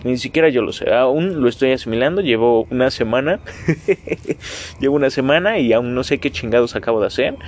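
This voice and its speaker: A nineteen-year-old man with a Mexican Spanish accent rambles through a casual solo podcast, joking at his own expense and cursing freely. His voice sits at an ordinary middle pitch for a man, and a faint hiss of noise hangs behind him. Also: expressive, a little fast. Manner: rambling, self-mocking, swears freely, talks to listeners directly. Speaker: podcast host.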